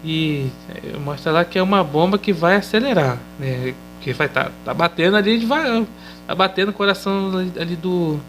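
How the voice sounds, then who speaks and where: High-voiced Brazilian man recapping casually. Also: fairly bright tone, slight background noise, low-quality recording. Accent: Brazilian Portuguese. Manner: loose and chatty, tags sentences with questioning fillers. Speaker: episode reviewer.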